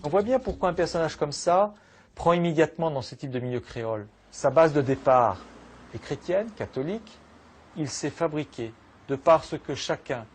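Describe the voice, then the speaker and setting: A man giving a measured, analytical explanation in a documentary interview. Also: fairly high pitch. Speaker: expert commentator.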